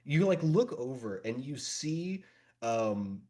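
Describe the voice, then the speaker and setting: A man's voice: mid-range voice, big pitch swings, slow, a little mellow. A man running a tabletop game as game master. He describes scenes at length, with many fillers and restarts. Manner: descriptive narration with frequent fillers.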